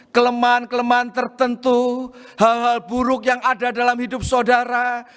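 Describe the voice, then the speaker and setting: A male pastor preaching a sermon, telling a personal story in an animated way and often addressing the congregation directly. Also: very high-pitched, clean tone, long reverb tail.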